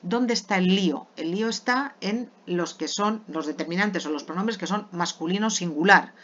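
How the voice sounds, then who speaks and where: A woman's voice: lowish voice, moderate pace, fairly bright tone. Spanish woman teaching grammar, lo-fi. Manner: patient, with frequent "eh?" checks. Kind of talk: grammar lesson. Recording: dull lo-fi recording.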